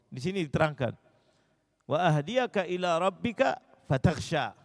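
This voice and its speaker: A male preacher delivers a lively sermon in a fairly high voice, posing questions and answering them himself and weaving in recited Arabic verses. The sound is dry and close, with no room echo.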